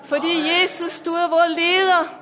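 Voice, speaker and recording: A middle-aged woman preaching with fervent emotion, her voice very high and bright. Her words ring out through a long hall reverb, and her voice at times breaks with tears between hallelujahs. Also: level tone. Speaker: preacher giving testimony. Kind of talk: emotional Pentecostal sermon. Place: church or camp meeting hall.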